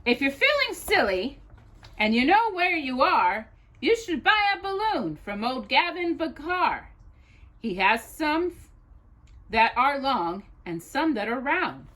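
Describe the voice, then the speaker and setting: In a high, slow sing-song, a woman hosting storytime reads rhyming poems for kids expressively, pitching her delivery as if speaking to a child.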